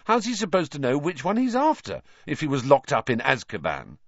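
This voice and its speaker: A male narrator raises his voice for a doubtful teenage boy, protesting in a weak, unsteady way, pitched above the narrator's own. It comes through a dry, slightly dull recording. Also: wildly swooping pitch, fairly quick, a bit bright, no echo, heavily acted. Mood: skeptical.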